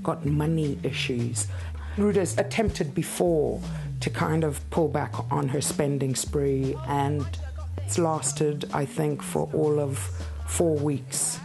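A woman with a low, gravelly voice speaks frankly and wryly in an interview. Music plays clearly under her. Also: fairly even intonation, takes it slowly. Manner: frank, wry. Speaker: friend interviewee. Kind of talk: interview testimony. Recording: with music behind.

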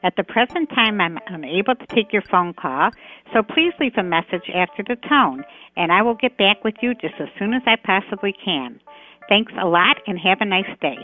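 A woman's voice: medium pitch, lively intonation, normal speed. A woman's recorded answering-machine greeting, heard over a landline phone, polite and sing-song. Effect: answering-machine greeting played over a landline phone. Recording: tinny phone line with music behind.

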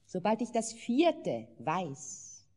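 A woman voicing a calm, wise old man with a magic lamp in a fairy-tale reading, speaking quietly. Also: mid-range voice, very slow, in a large hall, full character voice.

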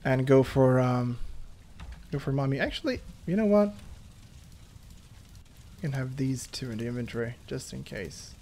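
A man giving excitable let's play commentary, laughing and talking to himself as he plays. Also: mid-range voice, normal speed, long pauses, a little hiss or hum. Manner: excitable, laughs, talks to himself while playing. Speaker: gaming YouTuber. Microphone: headphones on, desk mic.

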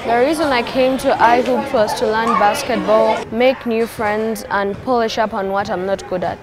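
A woman's voice: fairly high pitch, fairly even intonation, normal speed, a loud crowd. A young woman camper in a documentary interview, speaking carefully. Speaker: camp participant.

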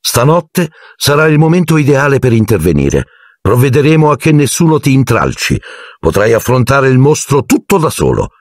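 A man's voice: medium pitch, sing-song, moderate pace, no echo, studio quality, pitched above the performer's own voice, close to an everyday voice. A man voicing a strict older woman professor who speaks firmly and clipped. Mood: cutting. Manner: firm, clipped.

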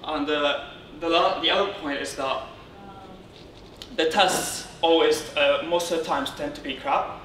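Standing beside a lectern in a darkened conference room, a Syrian software consultant delivers an informal technical talk, halting and restarting his phrases. His slightly high voice is bright and forceful, with a steady tone. It's captured from a distance, sounding roomy and noisy.

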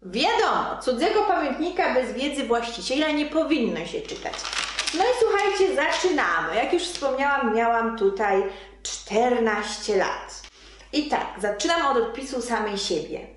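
A woman's voice: high-pitched, sing-song, measured pace, heavy reverb, slight background noise. A young adult woman vlogger reading her old diary aloud to viewers in a casual, chatty way. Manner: chatty, addresses viewers directly, reads entries with amused emphasis.

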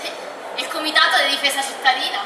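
A gossipy, self-important wife played by a young woman talks in a high voice in a stage comedy. The recording is distant, noisy and echoing. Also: fairly even intonation, fast, crowd noise, natural voice. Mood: boastful, insistent. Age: young adult. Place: outdoor stage in a square. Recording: distant echoey noisy camera audio.

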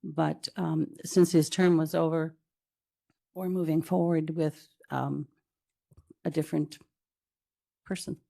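In a public meeting room, a woman chairing a committee gives an informal spoken report, conversational and repeating words for emphasis. Her voice is low, warm and creaky, with fairly even intonation, a slow pace and long pauses.

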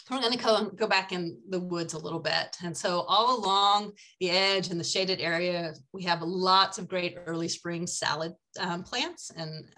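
On a video call, an older foraging guide presents slides from indoors through her webcam. She talks in a lowish, sharp-toned voice, chatty and eager, dropping plenty of ums along the way.

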